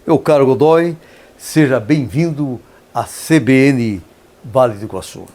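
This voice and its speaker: A man's voice: mid-range voice, unhurried, a little mellow. Formal, ceremonious male radio host. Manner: formal, ceremonious, flowery praise. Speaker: radio interview host, professor. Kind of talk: formal radio interview hosting. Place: radio studio.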